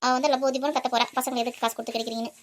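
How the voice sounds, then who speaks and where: A woman voicing a tired, grumbling old grandmother with an aching back, talking soft and low in a comic family skit. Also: steady tone, racing, a little hiss or hum, close to an everyday voice. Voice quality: soft and low, muttering to herself.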